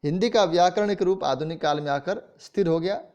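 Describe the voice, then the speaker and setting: High-voiced male Hindi lecturer. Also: a little mellow, dull audio. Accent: Rajasthani Hindi. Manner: explains slowly, demonstrates pronunciation aloud. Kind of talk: classroom lecture.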